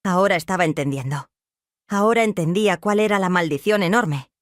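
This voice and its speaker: A woman narrating a first-person dramatic story in a hushed, suspenseful, emotional way. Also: lowish voice, fairly quick, no echo, clean studio sound.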